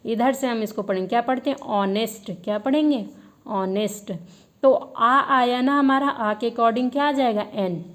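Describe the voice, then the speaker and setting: A woman's voice: fairly high pitch, normal speed, few pauses, a bit bright. A woman teaching an English grammar lesson, asking her students questions and answering them herself, and repeating the key words as a drill.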